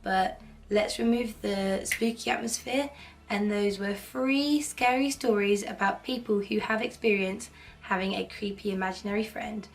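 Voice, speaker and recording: Hoarse from a cold, a woman who hosts a horror storytelling channel casually narrates spooky tales in a cheerful, chatty, playfully eerie manner. Her pitch is medium and her speed normal. The mic sounds slightly distant, with faint background noise.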